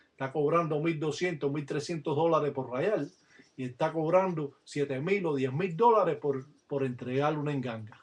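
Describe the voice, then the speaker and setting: Man, spiritual teacher on a webcam, instructive and direct, scornful at times, voice a bit high. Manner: instructive, addressing viewers directly, sometimes scornful of other teachers. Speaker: Palo religious teacher. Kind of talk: religious teaching to camera.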